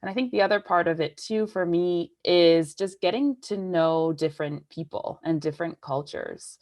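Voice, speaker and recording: Deep-voiced woman on a video call. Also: normal speed, darkish tone. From Pittsburgh, USA. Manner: reflective, conversational, many fillers. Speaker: guest speaker. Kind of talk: casual video call chat.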